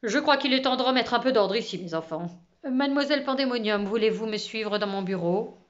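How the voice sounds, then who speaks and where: A woman voicing a flustered, pompous male school headmaster who bursts into loud exclamations, in a storybook reading. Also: a little high, lively intonation, brisk, dull audio, close to an everyday voice. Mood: stern.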